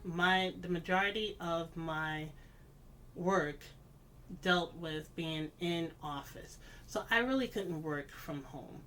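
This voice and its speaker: A vlogger telling a personal story in a reflective, confessional way, with deliberate, halting phrasing and emphatic repetition. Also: medium pitch, fairly bright tone, slight background noise, low-quality recording.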